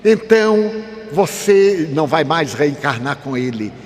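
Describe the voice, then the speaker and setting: A man voicing a shrewd, gently teasing old man, in a reverberant hall. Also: on the high side, very animated, unhurried, pitched below the performer's own voice. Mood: sly, gentle. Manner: sly, gentle. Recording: reverberant hall, faint ambience.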